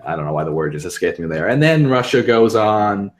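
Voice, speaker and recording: A man's voice: lowish voice, big pitch swings, brisk. A man hosting a political podcast, talking in a hesitant way with many fillers. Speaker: podcast host. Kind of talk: casual political discussion.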